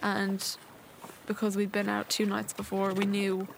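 A woman's voice: mid-range voice, completely flat delivery, a little slow, creaky, background noise. A seventeen-year-old young woman from Galway with a west of Ireland accent, explaining things casually as an interviewee.

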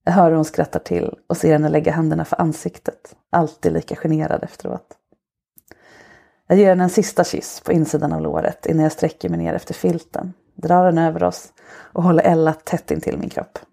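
A woman narrates an adult short story for her podcast, her low voice heavy with gravelly fry. She reads slowly and softly, with an intimate hush, and her tone stays dark and mellow throughout. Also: level tone. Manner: slow, soft, intimate storytelling. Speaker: podcast host.

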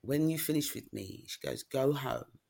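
A woman's voice: extremely low pitch, animated, normal speed, gravelly, dark tone. A middle-aged woman, candidly telling a personal story in conversation and often asking "do you know what I mean?". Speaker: guest, author.

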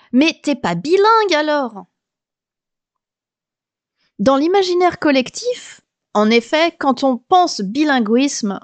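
A woman's voice: sits high, no echo. A woman podcast host from France, in her thirties or forties, explaining things in a chatty, lightly humorous scripted monologue.

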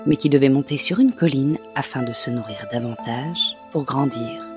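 A man reading a fairy tale aloud in a measured scripted narration. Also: mid-range voice, a little mellow, faint music behind. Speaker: storyteller.

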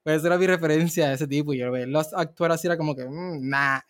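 With a fairly high voice and a very fast delivery, this male podcast co-host chats casually about films, free of echo. His storytelling meanders, packed with restarts and rambling digressions.

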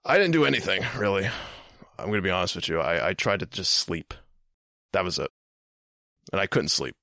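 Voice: deep voice, big pitch swings, fairly quick, creaky, pushed and bright, dry recording. A podcast co-host in casual chat, teasing in a dry way.

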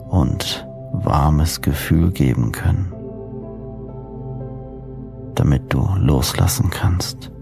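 A man narrates a guided sleep story in a deep voice with a creaky edge. His phrasing is soothing and deliberate, with pauses between short phrases. New-age music plays clearly behind him. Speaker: host and hypnosis coach narrating sleep meditations.

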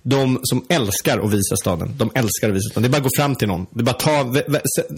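A man's voice: medium pitch, husky. A man in casual podcast chat, hesitant with frequent restarts, teasing his co-host.

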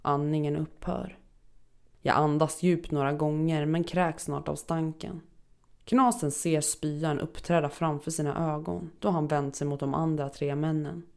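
A woman narrating a first-person horror story in a steady, dark storytelling manner. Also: low voice, creaky.

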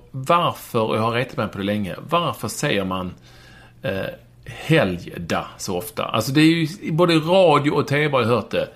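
A man co-hosting a casual podcast, bantering and arguing his points emphatically in a mock-serious way. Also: fairly low pitch. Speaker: podcast co-host.

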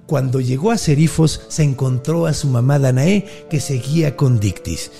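A man with a Mexican accent casually retelling a Greek myth on a podcast, slangy, animated and jokey. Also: medium pitch, moderate pace, creaky, faint music behind. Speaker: podcast storyteller. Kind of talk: casual mythology storytelling.

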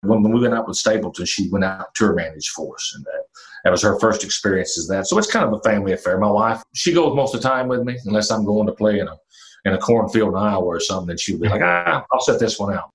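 A man of fifty talks about his music career in a casual interview. His voice sits very low. He rambles easily, with plenty of "uh" and "you know" and the odd mild curse. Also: fast, low-quality recording. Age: 50s. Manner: relaxed storytelling with fillers and mild cursing. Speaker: country singer-songwriter.

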